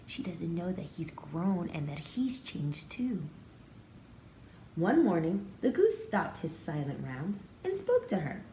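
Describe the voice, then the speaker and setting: An American pre-kindergarten teacher reads a story aloud to young children, explaining it expressively in simple words. Her fairly low, mellow voice moves slowly with big swings in pitch. The small, hard-walled indoor room gives a roomy echo over faint background noise.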